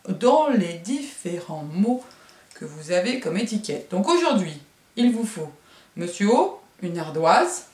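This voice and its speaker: Slow, echoey woman teacher. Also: medium pitch. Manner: slow, syllable-by-syllable, encouraging. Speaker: kindergarten teacher. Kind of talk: remote phonics lesson for young children. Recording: roomy echo.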